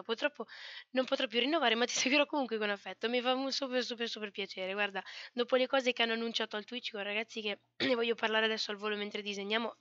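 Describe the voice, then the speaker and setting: A young woman streaming live, chatting casually and thanking subscribers, with a hoarse, tired voice. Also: mid-range voice, fairly bright tone, no room sound, dull audio. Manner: chatty, playful, swears casually. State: hoarse, losing her voice. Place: corner of a hotel room, people nearby. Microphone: desk mic, no headphones.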